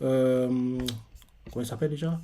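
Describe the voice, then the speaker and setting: Excitable man recapping a manga chapter. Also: medium pitch, normal speed, slight background noise. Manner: rambling, many fillers and restarts, excitable. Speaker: reaction channel host.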